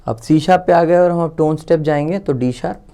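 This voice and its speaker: Clean and warm, this man's voice runs on the high side and fairly quick. With an Indian accent, he casually walks through a music theory lesson while writing, thinking aloud, counting off steps, and correcting himself.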